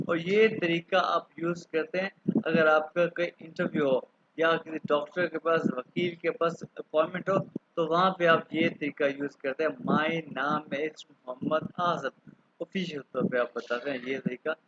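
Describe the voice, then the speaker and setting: A man in his thirties from Pakistan teaching an online German class, patiently repeating words slowly for pronunciation. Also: fairly high pitch, fairly even intonation, dull audio, background noise. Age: 30s.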